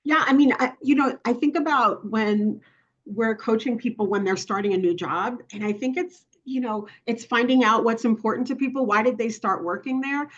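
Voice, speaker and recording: A woman consultant speaking on an online panel. Her voice sits fairly high and comes through muffled, lo-fi call audio. She talks conversationally, thinking aloud with plenty of fillers. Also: normal speed. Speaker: consultant and coach. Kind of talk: webinar panel answer.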